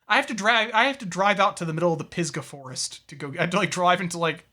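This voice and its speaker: High, bright-voiced rambling podcast host. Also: male voice, fast talker. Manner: rambling, profane, reads news aloud. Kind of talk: casual chat.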